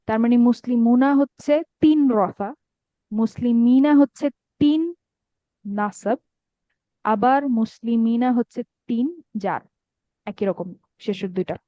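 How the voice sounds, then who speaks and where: A mellow, higher-leaning female voice delivers an online Arabic grammar lesson, pausing patiently to make sure students understand. The sound is dry, dull, and low-fidelity.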